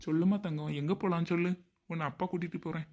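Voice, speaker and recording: A man's voice: a little high, level tone, fast talker, background noise, lightly acted. A man playing a doting father who fusses and frets over the cost of his family, in a comic skit. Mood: coaxing. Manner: coaxing and pleading, often groaning in dismay. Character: doting, fretful middle-aged father worried about money.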